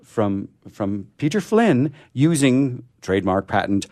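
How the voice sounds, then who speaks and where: This radio host is a man whose warm, mid-range voice swings widely in pitch. Speaking casually without a script and nursing a sore throat, he halts often, stammering and beginning phrases again. The sound is clean studio quality with no echo.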